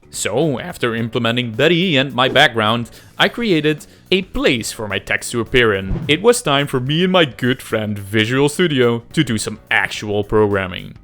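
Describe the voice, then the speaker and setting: A man with a mid-range, fairly bright voice hosts a scripted, comedic devlog as an amateur game developer. He narrates with exaggerated, self-deprecating emphasis and some swearing.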